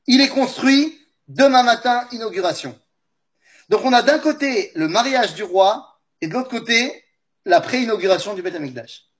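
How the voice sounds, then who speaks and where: High-voiced man telling a lively story. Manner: animated, talks straight to the listeners. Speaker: teacher of a Torah class.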